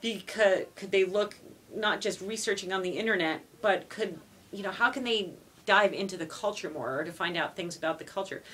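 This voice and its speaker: At a moderate pace, this medium-pitched woman sounds a bit bright. She's a Montreal native whose first language is French, earnestly answering interview questions about being a foreign language teacher and dropping in "you know" often.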